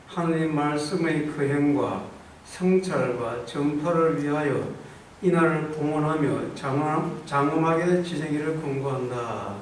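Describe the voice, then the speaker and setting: A male priest leads Mass with formal, recited delivery. His voice sits a little high and comes from a distance, washed in strong church echo over faint noise. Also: darkish tone. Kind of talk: liturgical speech and prayer. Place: large echoing church during Mass.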